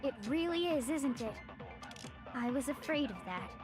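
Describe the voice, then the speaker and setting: A woman's voice: high voice, lively intonation, normal speed. A woman voicing an earnest, worried teenage girl student in an anime murder trial game. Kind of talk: anime video game voice acting. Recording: game music behind voice.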